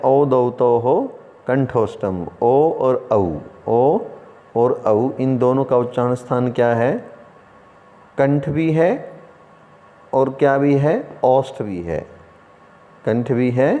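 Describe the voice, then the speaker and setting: A man teaching an online lesson, who explains slowly by asking questions and then answering them himself. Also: medium pitch, warm tone. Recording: room with long reverb.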